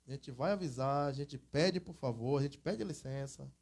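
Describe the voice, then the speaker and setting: A man preaching in a church, teaching through lively anecdotes and acted-out quotes in a casual, conversational way. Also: medium pitch, normal speed, vocal fry, breathy edge. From Brazil. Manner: conversational storytelling, acts out quoted voices, exclamatory. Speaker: evangelist preacher. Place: church hall.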